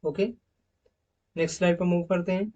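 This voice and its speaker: A man's voice: sits high, level tone, fairly quick, dark tone, far from the mic, dull audio. A man teaching English pronunciation, saying each sound several times over and calling viewers his friends. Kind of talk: recorded slide lesson on pronunciation.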